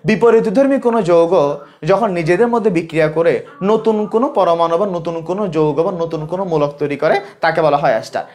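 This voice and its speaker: A man's voice: fairly high pitch, fast, darkish tone. A man from Bangladesh teaching a live online biology class, talking casually, asking questions and answering them himself, repeating key points.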